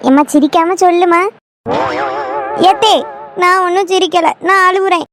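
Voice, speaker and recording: A woman's voice: very high voice, steady tone, moderate pace, over music. A woman voicing a homesick young daughter-in-law in a cartoon, with a sulky, complaining manner. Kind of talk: cartoon voice acting.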